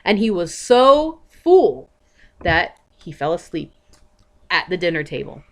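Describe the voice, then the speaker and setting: A young woman telling a made-up story to a small child, slowly and expressively, stopping to ask questions. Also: on the low side, big pitch swings. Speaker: parent telling a bedtime story.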